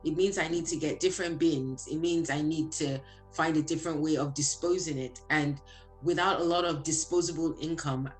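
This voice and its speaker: A woman with a very low voice, speaking calmly and reflectively. Faint music plays underneath her. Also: normal speed. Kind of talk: discussion.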